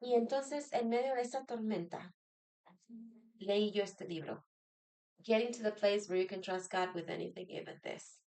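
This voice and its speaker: A woman's voice: medium pitch, a little slow, vocal fry, darkish tone. A woman sharing a personal devotional talk as a church member, earnest, repeating phrases and asking rhetorical questions.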